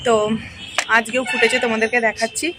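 A young woman from Bengal speaking with a Bengali accent, chatting to viewers in a casual vlog as she walks her rooftop garden and picks flowers, talking a little softly. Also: on the high side, level tone, fast, noisy background. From Bengal, India. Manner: chatty, walking tour, points things out while picking flowers. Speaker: vlogger, housewife. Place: rooftop garden of a home, outdoors.

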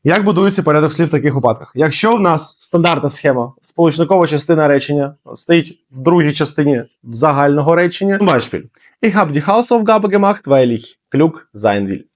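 A young man teaching German in a casual video lesson, explaining quickly and lively, with fillers and emphatic repeats. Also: medium pitch.

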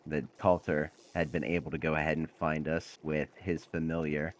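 A man narrating his character's actions in a tabletop game, long-winded and deliberate. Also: very deep voice, flat delivery. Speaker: player.

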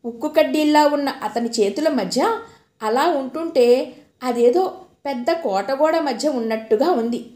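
A woman narrating a novel as an audiobook reader, in a steady storytelling manner. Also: high voice, a little slow. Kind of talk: novel reading. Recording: roomy echo.

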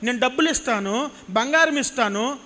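A pastor's very high voice comes out pushed and bright at an ordinary pace. The Telugu-accented man, in his thirties, preaches impassionedly into a handheld mic from a cross-backed church stage, repeating phrases to stress them. Hall reverb colors the sound.

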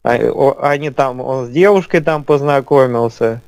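A drowsy man on sleeping pills giving a halting account in very slow speech, groping for words as an interview guest. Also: medium pitch, darkish tone, clear, resonant tone, no room sound. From Moscow, Russia.

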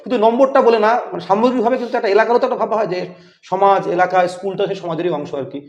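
The recording, made in an echoey, dull lo-fi room, features a man with a high-pitched, rapid-fire voice. A teacher acting as podcast interviewer, he wanders through his talk with lots of fillers.

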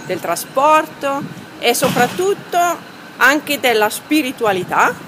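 A woman's voice: sits high, sing-song, a little slow. Enthusiastic woman outdoors, traffic noise. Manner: enthusiastic, emphatic. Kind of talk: short on-camera statement. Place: outdoors by a wall.

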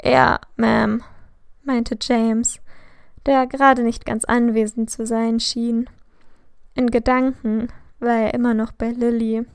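A woman reading a fan fiction story aloud in a slow, dramatic storybook narration. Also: fairly high pitch, little pitch movement, clear, resonant tone, no echo, studio quality.

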